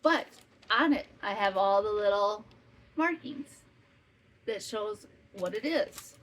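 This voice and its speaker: A woman's voice: medium pitch, lively intonation, slow pace, fairly bright tone, rough recording. A woman in her fifties from northwestern Wisconsin, hosting a casual chat podcast at home, rambling with asides and self-corrections. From northwestern Wisconsin, US Midwest. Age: 50s. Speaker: podcast host and maker. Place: home in summer heat with a fan running. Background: faint fan hum.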